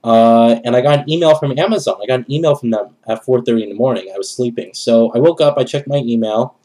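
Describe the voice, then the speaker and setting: A young adult man vlogs about gaming from a small indoor bedroom, giving a casual, rambling channel update to camera. He has a cold, so his voice is nasal and congested, though it's warm and medium-pitched, and he talks fast. The audio is poor.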